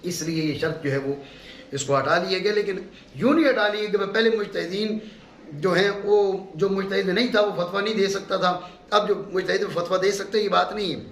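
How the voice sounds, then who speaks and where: High-voiced man lecturing in an echoey room. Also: fairly bright tone. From Pakistan. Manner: emphatic, repeats key terms and checks with "ٹھیک ہے؟". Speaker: mufti teaching a course. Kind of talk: classroom lecture. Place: classroom with students. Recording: echoey room with faint background hum.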